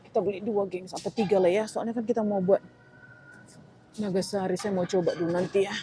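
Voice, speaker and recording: A woman's voice: mid-range voice, steady tone, fairly quick, dark tone, slight background noise, rough recording. A young woman chatting casually as she shops in a supermarket, thinking aloud and exclaiming at prices. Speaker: vlogger. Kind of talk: casual shopping vlog narration. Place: supermarket, indoors.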